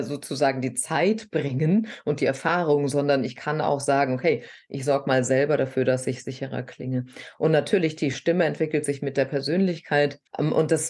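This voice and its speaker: A woman with a notably low, grounded speaking voice talks as a guest on a podcast. She is a middle-aged voice coach from southern Hesse who explains things in an animated, teacherly way. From southern Hesse, Germany. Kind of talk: podcast interview conversation.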